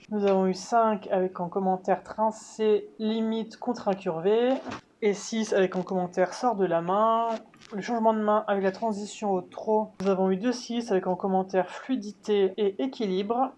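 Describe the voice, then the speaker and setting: A woman's voice: medium pitch, mellow, slight background noise. A woman rider giving a voice-over on a dressage test, methodically listing scores, casual with fillers. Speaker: horse rider vlogger.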